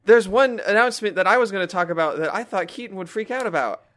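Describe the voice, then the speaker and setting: A man co-hosting a podcast, talking casually and telling rambling, animated stories. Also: high voice, fast. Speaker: podcast co-host. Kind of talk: casual chat.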